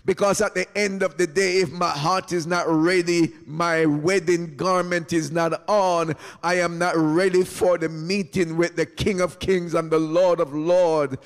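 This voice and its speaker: A high-voiced man preaching slowly in a church sanctuary, his words ringing with long hall reverb. He lifts his lines into a sing-song preaching cadence and climbs to fervent, high-pitched peaks. The delivery is unhurried and deliberate. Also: steady tone. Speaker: pastor. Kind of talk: sermon.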